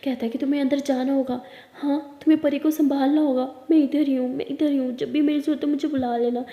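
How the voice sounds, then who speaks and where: Woman doing a quiet reassuring brother. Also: high voice, fairly even intonation, fast, highs cut off. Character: calm supportive brother, young man. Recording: echoey room with long reverb.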